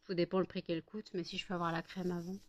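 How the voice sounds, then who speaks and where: A woman's voice: on the low side, level tone, fast talker. A middle-aged woman from France chatting casually in a home vlog, rambling with many fillers and cooing baby talk to her dogs. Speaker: vlogger.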